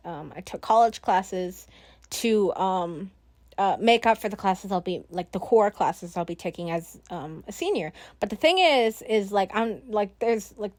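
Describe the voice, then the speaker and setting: A teenage girl hosting her own podcast, rambling casually with lots of fillers, giggles and self-deprecating asides. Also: medium pitch. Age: teens. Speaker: podcast host. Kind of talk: casual solo podcast chat.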